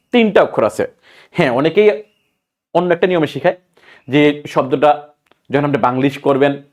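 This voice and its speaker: Guy teaching exam grammar, slightly high voice, keeps asking stuff then answering it himself. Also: darkish tone. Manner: quizzing listeners, answering his own questions. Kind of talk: exam-prep grammar lesson.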